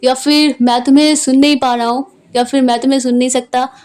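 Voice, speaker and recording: A woman teaching everyday English phrases, saying each phrase slowly and clearly and then explaining it in Hindi. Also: sits high, flat delivery, darkish tone. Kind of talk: spoken English lesson in Hindi.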